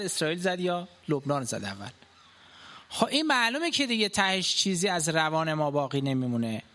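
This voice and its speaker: A man giving a public talk of practical advice, talking in an animated way, asking rhetorical questions and jumping from emphatic high bursts to soft low endings. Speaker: speaker giving life advice.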